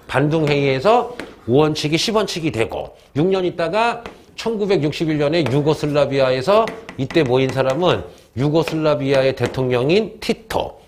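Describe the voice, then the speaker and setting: Animated male teacher, higher pitch, swooping, playful lecture to a class, faint noise behind. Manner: lively, joking, asks the class questions and answers them himself. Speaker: history teacher.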